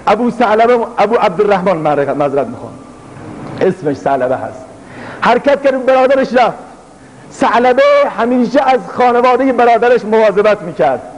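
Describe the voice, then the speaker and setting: A man's voice: high voice, a little mellow, big-room sound, low-quality recording. A male preacher delivering a sermon, telling a story dramatically and acting out the people in it. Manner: storytelling, acting out speakers in the tale; dramatic, chanting prayers and verses.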